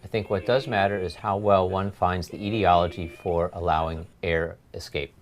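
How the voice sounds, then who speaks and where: A man giving scripted medical narration as a lecturing doctor, explanatory and measured, stressing key points. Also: low-pitched, fairly even intonation. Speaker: laryngologist lecturer.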